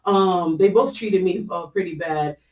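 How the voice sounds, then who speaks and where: A woman's voice: fairly low pitch, measured pace, darkish tone, distant mic. A woman casually telling a personal faith story, chatty and loose, with lots of fillers and easy laughter. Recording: echoey room, voice set back from the mic.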